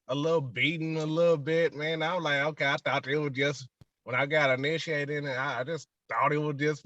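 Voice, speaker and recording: Lively guy telling stories, dry close sound, bright voice. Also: mid-range voice, dry recording, highs cut off. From Southern United States. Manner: animated, laughing storyteller with frequent "you hear me". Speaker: interview guest. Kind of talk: casual storytelling.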